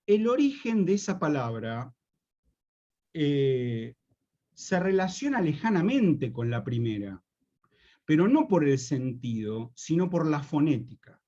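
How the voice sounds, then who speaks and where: A man in his fifties with a Rioplatense Spanish accent teaches a university class online. He speaks very slowly and patiently, in a fairly high voice, and stops to check that his students follow. The audio sounds dull and lo-fi. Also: sing-song, warm tone. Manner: slow, explanatory, repeats key points, asks if students follow. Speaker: university lecturer. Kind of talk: online lecture on slang.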